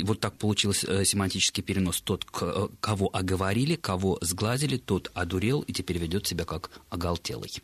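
A man in a radio studio explaining word origins and stress in a measured, explanatory way. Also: deep voice, husky, no room sound. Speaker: language expert.

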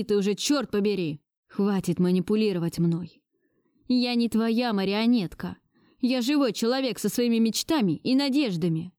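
A woman's voice: medium pitch, a little mellow, dry recording, studio quality, close to an everyday voice. A woman voicing a defiant young man who bitterly stands up to his grandmother. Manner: bitter, resolute outbursts. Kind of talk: audiobook dialogue reading.

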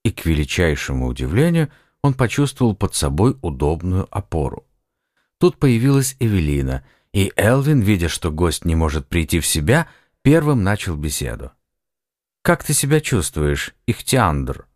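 A man narrating an audiobook in a steady, even storytelling manner. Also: deep voice, normal speed, no echo, clean studio sound. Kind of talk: scripted narration.

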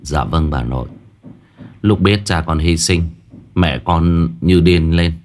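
A man's voice: extremely low pitch, slow, a little mellow, pitched below the performer's own voice. A man voicing an earnest young man who recounts his mother's story respectfully.

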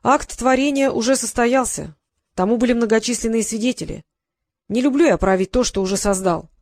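A woman's voice: fairly high pitch, fairly quick, darkish tone, no echo, close to an everyday voice. A woman voicing a grumpy, talkative male creator who lectures and grumbles, in an audiobook reading. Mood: grumbling. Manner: irritable, lecturing, sighing.

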